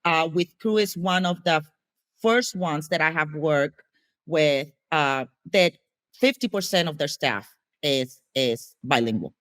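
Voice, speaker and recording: Casting: Puerto Rican woman, Spanish as first language, interview guest, halting delivery full of ums and restarts, dry sound. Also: low voice, lively intonation, a bit bright, no room sound. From Puerto Rico. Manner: hesitant, many fillers and restarts. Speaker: guest, HIV educator. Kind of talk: casual interview answers.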